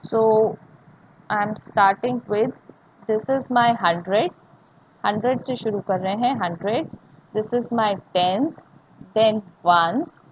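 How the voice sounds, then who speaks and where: A woman's voice: medium pitch, extremely slow. A woman with an Indian accent teaching a maths class online, repeating each point and asking students questions to check they follow. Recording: dull lo-fi audio with faint hiss.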